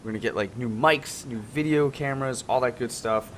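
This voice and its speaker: A man's voice: brisk, a crowd in the background. A man hosting an online panel show in a casual, informal, rambling way over a group call. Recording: noisy, low background rumble.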